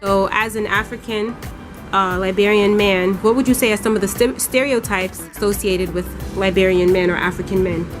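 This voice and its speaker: A woman interviewer asks calm, brief questions and answers with short acknowledgements. Her voice sits at a middle pitch. Clear music plays behind her. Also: normal speed.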